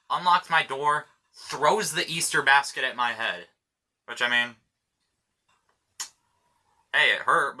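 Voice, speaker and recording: Young man, vlogger, casual storytelling, swears freely, rambling asides, sharp bright tone. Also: medium pitch.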